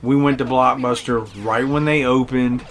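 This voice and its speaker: Music runs under a middle-aged man's steady, mid-range voice as he hosts a casual, personal game review at a moderate pace. As host and reviewer, he tells his stories with nostalgic enthusiasm.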